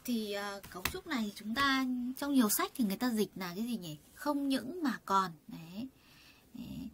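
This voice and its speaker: A woman teaching a Korean lesson online, chatty and full of fillers, asking her students rhetorical questions and saying words slowly for them to repeat. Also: mid-range voice, slight background noise. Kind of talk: online lesson explaining vocabulary and grammar.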